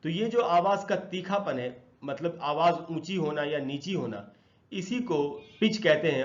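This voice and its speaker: A man teaching a lesson, explaining points at length and reading English definitions out slowly and deliberately. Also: a little high, lo-fi sound.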